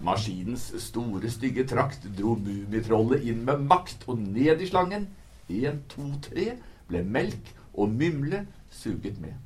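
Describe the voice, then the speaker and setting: A man reading a rhymed picture book aloud in a lively, sing-song storytelling manner. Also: mid-range voice. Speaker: book talk presenter.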